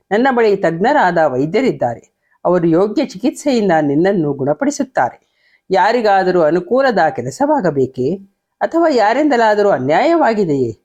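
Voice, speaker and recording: Old doting king begging his queen, soft coaxing questions as a lady reads him. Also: medium pitch, highs cut off.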